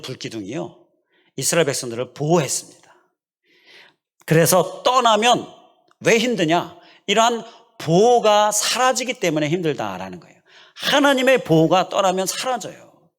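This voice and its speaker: A middle-aged man preaches a Sunday sermon in a church. His voice sits a little high and swings widely up and down. He drives his points home with repeated phrases and questions to the congregation. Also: very animated, normal speed. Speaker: pastor. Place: church sanctuary.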